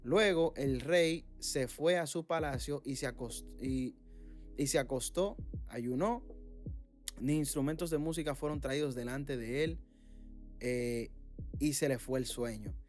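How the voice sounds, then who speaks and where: A man leading an informal Bible study, reading passages aloud and explaining them with frequent fillers and pauses. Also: mid-range voice, soft background music. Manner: reads scripture aloud, then explains it with many fillers.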